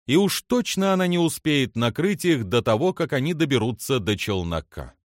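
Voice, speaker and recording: Male narrator, audiobook reading, animated pitch, dry studio. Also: moderate pace, no echo. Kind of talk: scripted narration.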